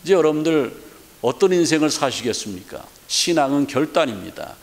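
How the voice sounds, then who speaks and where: A man's voice: a little high, lively intonation, fairly quick, in a large hall. A man preaching a sermon as pastor, in an earnest tone. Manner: earnest preaching, acting out quoted prayers. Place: church sanctuary.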